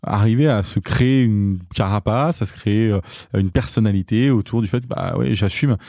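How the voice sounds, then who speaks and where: Hesitant Frenchman, low warm voice. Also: normal speed, vocal fry, dry recording, clean studio sound. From France. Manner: hesitant, many fillers and restarts. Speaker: interview guest, company founder. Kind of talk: casual interview talk.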